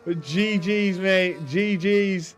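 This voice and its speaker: A man's voice: high-pitched, takes it slowly. A British man hosting a stream and commentating on racing games in an emphatic, laddish way, mixing race calls with casual chat. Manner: excited, emphatic calling of race action, laddish. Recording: music behind the voice. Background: music.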